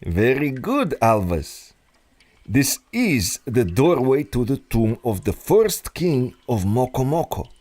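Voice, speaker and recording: A man's voice: mid-range voice, very animated, slow pace, darkish tone. An actor playing a scheming, manipulative male villain doctor in an old-time radio drama, with a silky, menacing delivery. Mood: condescending.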